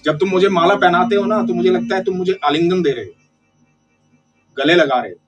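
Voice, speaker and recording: A man's voice: high voice, a little fast, muffled recording, lightly acted. Coaxing little cowherd boy, voiced by a man. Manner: pleading, coaxing. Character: sweet young cowherd boy, coaxing and playful. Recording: distant voice over loud flute music.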